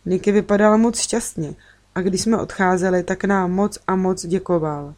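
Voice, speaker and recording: A woman's voice: lowish voice, steady tone, a little mellow. Woman reading a children's story. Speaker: narrator.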